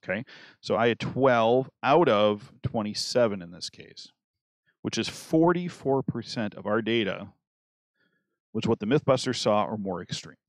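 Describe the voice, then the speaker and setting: A man's voice: on the low side, animated, unhurried, no echo. A man teaching a statistics lesson in a conversational way, often restarting sentences and checking in with "okay?". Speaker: math teacher.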